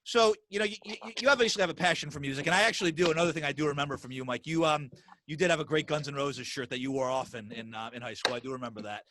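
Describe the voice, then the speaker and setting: Guy hosting a podcast, fast and excitable, high pitched, lots of stumbles and restarts, bright edge to it. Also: slight background noise. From US Northeast. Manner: animated, talks fast, many restarts and repeated words. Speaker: podcast host. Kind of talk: casual interview chat.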